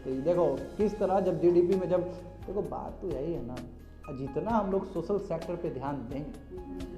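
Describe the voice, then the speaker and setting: A man's voice: a little high, moderate pace, warm tone, faint music behind. A man lecturing a class, chatty, calling on students directly and mixing in English terms. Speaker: teacher. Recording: echoey classroom, slightly dull.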